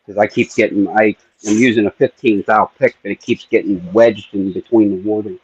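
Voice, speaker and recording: A man's voice: on the low side, fairly even intonation, brisk, husky. A man hosting a casual stream, muttering to himself as he works. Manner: mutters to himself while working. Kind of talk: casual chat while picking. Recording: dull lo-fi stream audio.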